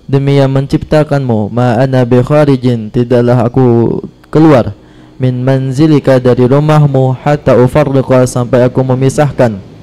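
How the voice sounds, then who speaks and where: A man slowly reading a religious text phrase by phrase and translating each phrase, with some halting restarts. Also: medium pitch, fairly even intonation, dark tone, clean tone, low-quality recording. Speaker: text reader.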